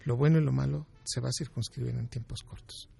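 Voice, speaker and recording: A man's voice: medium pitch, fairly even intonation, brisk, vocal fry, mellow, husky, no room sound. A man, a doctor guest in an interview, giving emphatic advice and explaining with examples.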